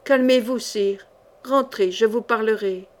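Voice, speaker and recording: A woman voicing a scheming older duke who pleads smoothly with his king. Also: fairly high pitch, a little slow, close to an everyday voice. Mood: pleading.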